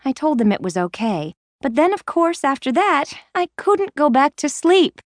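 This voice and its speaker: Woman, scripted learner dialogue. Lively, bouncing delivery with a slightly high voice. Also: normal speed, dry recording. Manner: animated, storytelling complaint.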